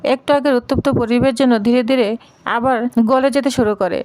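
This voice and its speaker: A woman narrating a recap of a serial episode in a steady storytelling read. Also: a little high, normal speed, a little hiss or hum.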